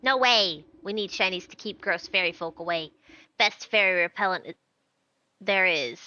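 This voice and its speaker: A woman's voice: mid-range voice, normal speed, bright, forceful tone, highs cut off, natural voice. Woman putting on a crackly, cackling little creature. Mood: mocking, defiant. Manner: folksy ungrammatical wheedling. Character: cackling, haggling shiny-hoarding tree creature, rustic and cheeky.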